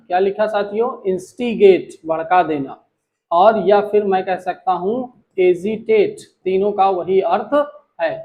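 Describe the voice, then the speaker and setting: A man's voice: sits high, phone-quality sound. A man teaching English vocabulary to a class, drawing out words and repeating questions back to the students, with playful memory jokes. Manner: drawn-out repetitive teaching, asking the class back.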